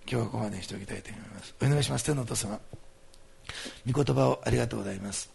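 A male pastor preaches through a fervent healing prayer, issuing commanding declarations and pleading earnestly with his listeners. He races along in a mid-range voice that is creaky, husky, and darkish in tone.

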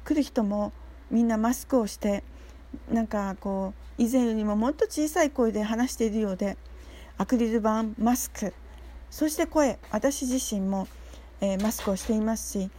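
A woman from Nagasaki telling a personal story in a prepared talk, earnest and halting, often pausing with fillers as she searches for words. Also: on the high side, dark tone. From Nagasaki, Japan. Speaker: speaker sharing a personal story.

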